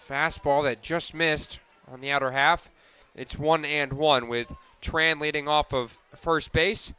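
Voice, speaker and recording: Calling softball play-by-play on radio, a man speaks in a fairly high, bright voice. He delivers it crisply and cleanly, like live sports commentary.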